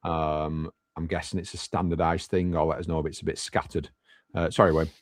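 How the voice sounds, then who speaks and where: A man's voice: extremely low pitch, little pitch movement, brisk, no echo, clean studio sound. A man co-hosting a live business Q&A, talking casually and bluntly with the odd swear word. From United Kingdom. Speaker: podcast co-host.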